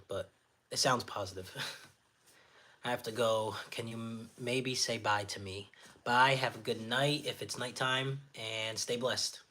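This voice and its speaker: A livestream host with a naturally raspy, slightly nasal, lowish voice and a sharp tone reads viewer comments aloud and responds. He's friendly, encouraging, and chatty with filler words, and he sniffles often.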